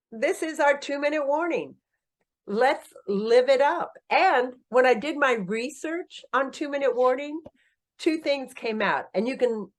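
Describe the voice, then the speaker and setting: An author in her sixties who founded a company relates her story in a relaxed podcast interview. She's energetic and self-mocking, laughing frequently, with her voice bouncing up in pitch as she jokes.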